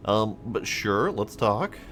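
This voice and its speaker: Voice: mid-range voice, big pitch swings, slow, over music. A game streamer giving casual, sarcastic and irreverent commentary while playing.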